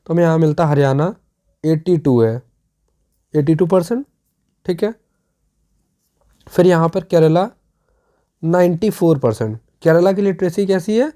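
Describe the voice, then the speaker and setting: A teacher with a dark, mellow voice runs through an exam revision lesson. The teacher explains step by step and keeps checking that the class is following. The voice sits in the middle of the usual pitch range.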